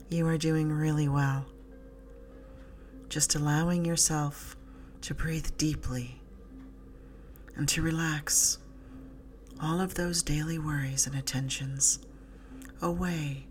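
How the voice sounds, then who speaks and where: Slow, hushed, low-voiced woman sleep story narrator. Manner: soothing, hushed, breathy delivery with soft whispery phrase endings. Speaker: guided sleep meditation narrator. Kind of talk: sleep story narrator, guided relaxation script. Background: slow music with drum beat.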